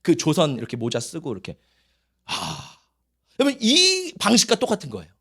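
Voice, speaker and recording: A man's voice: on the high side, huge pitch swings, moderate pace, a bit bright, slightly rough. A male pastor preaching a Sunday sermon, telling stories and acting out children's voices.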